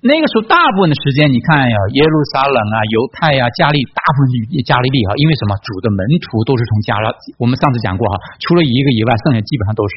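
A man's voice: medium pitch, animated, very fast, few pauses, muffled recording, background noise. A man preaching a Bible study in a conversational way, reading scripture aloud and asking his listeners questions. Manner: conversational, many tag questions and fillers.

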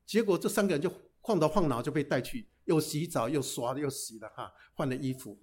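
A man telling a folk tale aloud in a lively, chatty way, with frequent hesitations and restarts. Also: fairly high pitch, fairly quick, husky. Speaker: storyteller.

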